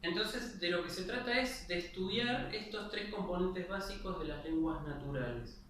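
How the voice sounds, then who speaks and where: A man's voice: sits high, normal speed, fairly bright tone. A man giving a spoken grammar lesson, explaining patiently and checking in with his listeners. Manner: explanatory, with frequent "¿sí?" checks and restarts. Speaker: lecturer. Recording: very echoey, distant mic, faint noise.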